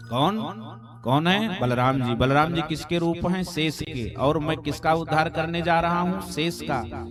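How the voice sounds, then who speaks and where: A man leads a devotional story sermon at a live religious gathering, speaking slowly in a slightly raised voice. He acts out the characters' pleas and cries with feeling. Instrumental music plays loudly behind him. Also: on the high side. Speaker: Bhagwat katha preacher. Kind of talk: devotional storytelling sermon with sung Sanskrit verses. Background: musical instruments accompanying.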